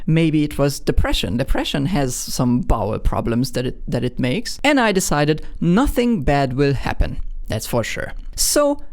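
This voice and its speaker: A man's voice: a little high, sing-song, measured pace, few pauses. A young man in his twenties from Hungary with a Hungarian accent, telling an embarrassing personal story in a candid, self-mocking way with frequent restarts. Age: 20s. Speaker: vlogger.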